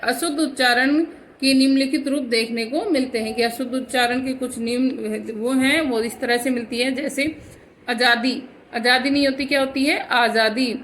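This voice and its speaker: In a recorded online class, a woman teaches Hindi grammar step by step, posing questions to her pupils, answering them herself, and calling them "beta." Her high-pitched, slightly bright voice comes through a rough recording with some hiss or hum.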